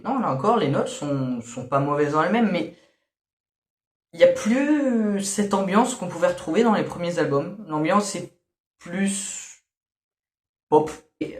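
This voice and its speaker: A man casually reviewing albums, hesitant and grumbly, full of fillers. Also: on the high side. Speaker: music reviewer. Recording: echoey room.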